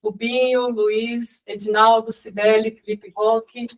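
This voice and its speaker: A woman's voice: a little high, flat delivery, measured pace. Woman introducing the talk, kinda rambly, lots of "né", mic far away. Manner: rambling, with many fillers and restarts. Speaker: producer introducing the event. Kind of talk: event introduction. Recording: voice heard from a distance.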